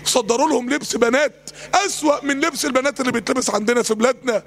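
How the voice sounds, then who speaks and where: A man's voice: very high voice, very fast, creaky, fairly bright tone. A man with an Egyptian accent preaching an impassioned sermon in a chanting cadence. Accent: Egyptian Arabic.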